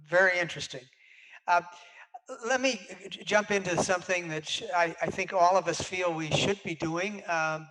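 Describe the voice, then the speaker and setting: Older male host, hesitant delivery full of uhs, bright forceful tone. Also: high voice, low-quality recording. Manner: hesitant, many filler uhs. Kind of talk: hosted conversation.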